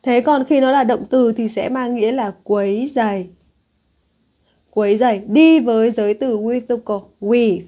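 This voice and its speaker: A woman with a Northern Vietnamese accent teaches an English exam-prep lesson in a warm, mellow voice set a touch high. She says English words aloud and then explains them. She checks with her students again and again. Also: moderate pace. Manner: checks in with students constantly, asking if they follow.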